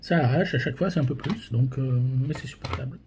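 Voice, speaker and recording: A man's voice: medium pitch, fast, darkish tone, a little hiss or hum. A man gives casual, hesitant tasting commentary as a host, his mouth burning from spicy food. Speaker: host of a hot sauce tasting challenge.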